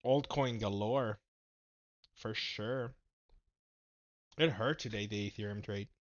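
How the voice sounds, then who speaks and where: On a laid-back stock market livestream, the male host laughs and stays animated, veering between quiet mumbles and loud exclamations. He talks slowly, and the audio is dull.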